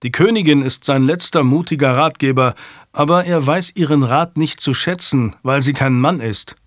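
A man voicing a stern middle-aged nobleman who talks to his sons in a measured, grave way. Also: a little high, no room sound, clean studio sound, natural voice.

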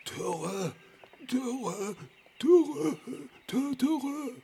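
A woman's voice: sits high, animated, extremely slow, dark tone, slight background noise, exaggerated voice. A woman doing a weary, sad little elephant. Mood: mournful trumpeting. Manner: only trumpets in baby-elephant sounds. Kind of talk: audio drama acting.

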